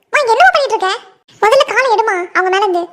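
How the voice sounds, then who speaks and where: A voice actor playing a sensible young daughter in a cartoon comedy, urging her mother to calm down. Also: extremely high pitch, fast talker. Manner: urging, reasoning.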